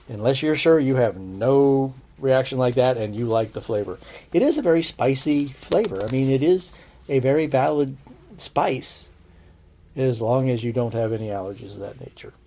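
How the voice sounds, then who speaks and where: Warm and mid-range, this man's voice carries a relaxed herb lesson for his podcast audience. He chats easily, keeps checking in with listeners, and slips in wry, sarcastic remarks.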